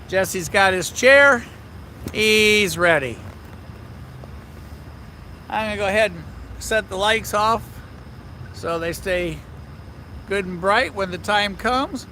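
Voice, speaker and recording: A man's voice: high-pitched, slow, long pauses, sharp tone, slight background noise. A man hosting a live stream from trackside outdoors at night, chatting upbeat and straight to his viewers. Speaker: railfan livestream host. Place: outdoors trackside in a small town downtown at night.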